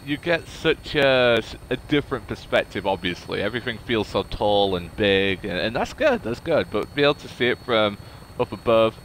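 A man's voice: on the low side, lively intonation, moderate pace, fairly bright tone, slight background noise, low-quality recording. A man giving casual, chatty commentary while playing a game, full of self-deprecating asides. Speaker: let's play host.

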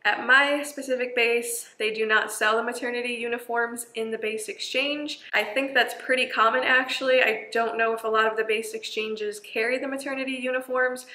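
A woman's voice: fairly high pitch, bright, forceful tone. A young woman casually explaining things to her viewers, a little out of breath and laughing lightly now and then. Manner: chatty, friendly, laughs lightly. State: slightly out of breath. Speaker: vlogger, active duty airman. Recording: echoey room.

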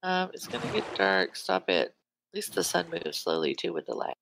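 A woman's voice: low-pitched, huge pitch swings, normal speed, gravelly, a bit bright, slight background noise, poor audio. A woman hosting a casual gameplay session, chatting and thinking aloud as she plays. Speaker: host. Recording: faint music behind.

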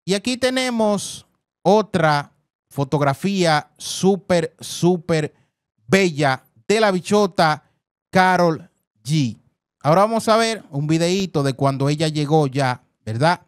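A man's voice: a little high, lively intonation, a little slow, clean tone, no room sound, studio quality. A man hosting celebrity news, talking effusively over clips, repeating words and calling his viewers family. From Dominican Republic. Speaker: entertainment news host.

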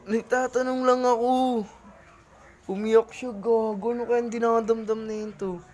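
A woman's voice: fairly high pitch, steady tone, normal speed, darkish tone. A woman vlogging casually among friends, teasing and badgering with repeated questions and crude swearing. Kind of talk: casual group vlog banter.

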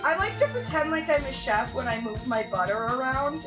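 Cooking live at home with a friend, the woman in her thirties talks fairly quickly in a high-pitched, lively voice. Chaotic and sweary, she laughs at herself throughout the casual stream, recorded from a fixed camera across the kitchen with music playing and a roomy sound.

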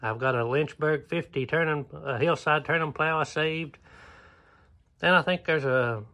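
A man's voice: on the high side, a little slow, sharp tone. Easygoing man in a barn. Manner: easygoing, plainspoken, many "uh" fillers. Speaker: homesteader vlogger. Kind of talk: casual walkthrough narration. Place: open wooden barn, outdoors. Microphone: phone camera held at arm's length.

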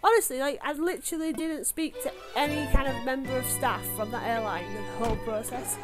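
A woman's voice: sits high, a little fast. A young woman with a Yorkshire accent chatting casually over her gameplay, rambling with lots of fillers. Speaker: gaming YouTuber. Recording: music playing behind the voice.

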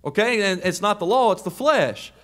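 A man's voice: high-pitched, lively intonation, normal speed, a bit bright. A man preaching a sermon to a congregation, emphatic, often rising on pointed questions.

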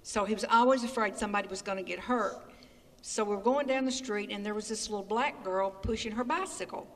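A woman's voice: mid-range voice, brisk, a bit bright. An older woman telling chatty, folksy stories as an interview guest, laughing as she goes. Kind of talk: anecdotal storytelling. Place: community building hall. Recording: echoey hall, from far off.

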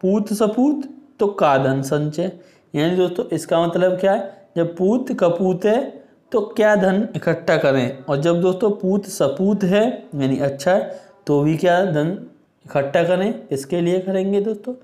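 A man teaching an exam-prep Hindi grammar lesson, explaining patiently and reading examples aloud slowly. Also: sits high, warm tone, echoey room. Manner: explains slowly, addresses viewers as friends, reads examples aloud.

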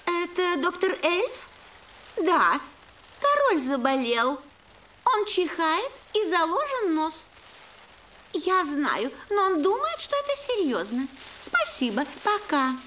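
A woman voicing a patient, practical fairy queen in a cartoon dub, brisk and matter-of-fact. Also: extremely high pitch, sing-song, sharp tone, slight background noise, heavily acted.

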